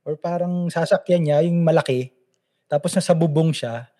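Man, thirties, mellow slightly high voice, animated storyteller, podcast chat. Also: moderate pace. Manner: animated storyteller, laughs often. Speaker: podcast host. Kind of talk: casual chat.

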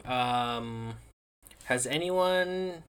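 A man's voice: mid-range voice, drawn-out words, fairly bright tone, clear, resonant tone. A man co-hosting a casual podcast, speaking hesitantly with many short agreements. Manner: hesitant, laughing, lots of small agreements. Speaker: podcast co-host.

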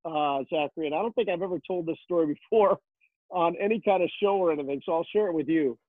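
A man's voice: on the high side, quick pace, dry recording. Chatty man on a tinny phone line. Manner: chatty storyteller, many fillers. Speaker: rinkside hockey reporter. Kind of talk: casual interview answers.

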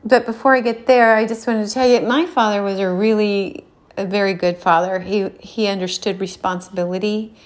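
A middle-aged woman giving a gentle, earnest devotional talk about a childhood memory and faith, often pausing and restarting. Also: medium pitch, steady tone. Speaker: devotional speaker.

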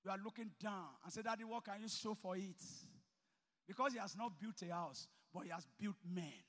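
A man preaching in a very high, bright voice that rings with a long hall reverb. He is emphatic, dropping to quiet asides and then rising to loud exhortation. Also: moderate pace. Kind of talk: sermon to students.

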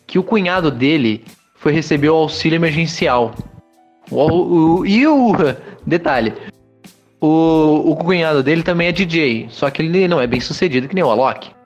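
A person with a Brazilian accent, telling a story in casual chat, animated and hesitant, with frequent restarts. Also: mid-range voice, lo-fi sound. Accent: Brazilian Portuguese.

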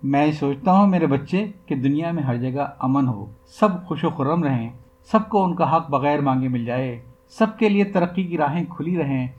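A man reading aloud a recorded interview for a podcast, with the questions pitched higher than the answers. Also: lively intonation, hardly any pauses, a little mellow, muffled recording. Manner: reads the questions at a raised pitch. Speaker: podcast reader.

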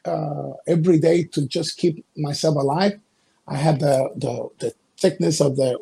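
Middle-aged man from Ecuador, a touch high, breathy tone, halting storyteller. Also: mellow. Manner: halting, many fillers and restarts. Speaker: wrestling promoter and pastor. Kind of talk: interview answers, storytelling.

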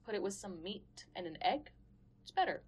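A woman's voice: mid-range voice, very animated, normal speed. A young woman co-hosting a casual podcast, blunt and crude, joking with a friend. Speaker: podcast co-host. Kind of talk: casual chat.

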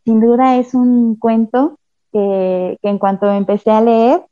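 A woman's voice: a little high, level tone, a little slow, smooth, no echo. A woman, a cultural promoter giving a reflective panel answer with frequent restarts over a call. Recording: tinny phone-like line, dry.

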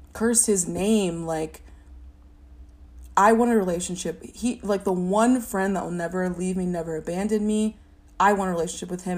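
A young woman giving a personal testimony in an interview, talking in a halting, reflective way with many fillers and a stutter. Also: lowish voice, a little mellow. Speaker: interview guest.

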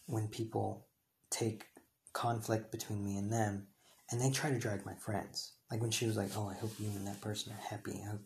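Young male podcaster, low gravelly voice, rambling and heated delivery. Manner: rambling, heated, many restarts and fillers. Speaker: podcast host. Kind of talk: casual storytelling monologue.

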